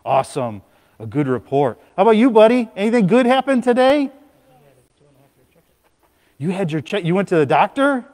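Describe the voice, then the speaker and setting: A man leading a children's moment at a church service, talking to the children in a playful, animated way. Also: high-pitched, normal speed, long pauses. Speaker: pastor. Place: church sanctuary. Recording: long hall reverb.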